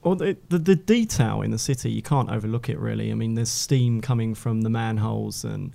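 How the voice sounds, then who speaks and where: A man's voice: fairly low pitch, fairly quick, creaky, warm tone. A man, a games journalist guest, chatting eagerly in a studio and restarting his phrases often. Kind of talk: casual studio chat. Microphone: studio microphone.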